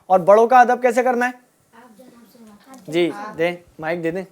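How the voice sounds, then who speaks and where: عورت بچوں کا سبق، سوال پوچھ کر جواب دہراتی ہے، مائیک بچوں میں گھومتا ہے. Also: female voice, medium pitch, a little mellow. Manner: asks a question, then repeats the answer back. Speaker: children's religious teacher. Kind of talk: teaching children with call-and-response questions. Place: room with children and a passed microphone.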